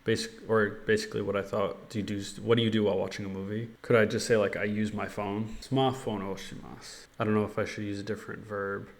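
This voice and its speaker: A man practicing as a language learner, tentatively thinking aloud and haltingly sounding out Japanese. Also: fairly low pitch, level tone. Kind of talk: casual speaking practice.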